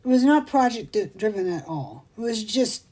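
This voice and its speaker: A middle-aged woman hosting a craft show, talking in a chatty, rambling way that turns excitable. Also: a little high, moderate pace, low-quality recording. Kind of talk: casual chat.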